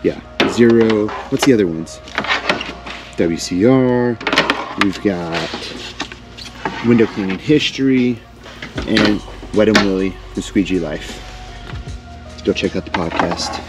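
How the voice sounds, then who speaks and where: A man's voice: fairly low pitch, takes it slowly, pauses often, loud music behind the voice. A man in his thirties hosting a casual, upbeat walk-through tour of a large warehouse on a lapel mic. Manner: upbeat, enthusiastic. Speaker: vlog host.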